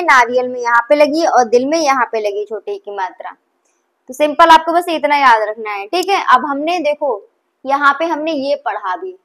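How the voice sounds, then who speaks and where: Patient, high-voiced woman teaching young children. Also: fairly bright tone. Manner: patient, repeats and checks with "theek hai". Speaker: primary school teacher. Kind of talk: Hindi phonics lesson for young children.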